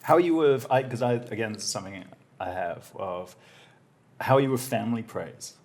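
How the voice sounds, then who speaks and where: A man hosting a casual comedic chat, animated and acting out bits of dialogue as he tells anecdotes. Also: on the low side, brisk. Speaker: interview show host.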